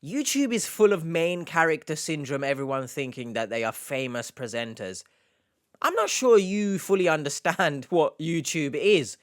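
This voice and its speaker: A man's voice: fairly high pitch, big pitch swings, normal speed. A man casually reading out and answering comments as a YouTube host, with sarcastic, mock-indignant delivery and dry self-deprecation.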